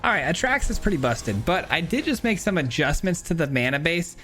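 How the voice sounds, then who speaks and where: A man's voice: on the high side, sing-song, a little fast, sharp tone, faint music behind. A man casually commenting on his own card game as he plays, chatty and self-critical, with frequent ums and uhs. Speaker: gameplay streamer.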